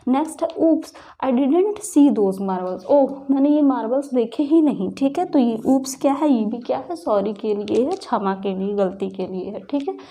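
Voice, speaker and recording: A woman's voice: fairly high pitch, moderate pace, hardly any pauses, dark tone. A woman with an Indian accent teaching a grammar lesson, explaining each example and asking and answering her own questions.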